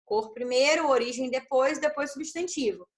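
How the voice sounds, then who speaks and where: A woman's voice: sits high, moderate pace. A woman teaching an English grammar class online over a video call, explaining step by step and checking in with frequent tag questions.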